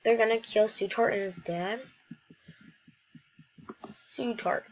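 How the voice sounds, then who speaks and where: A woman reading a game story aloud in casual commentary, playful and rambling, with quick asides between lines. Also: mid-range voice, steady tone, highs cut off.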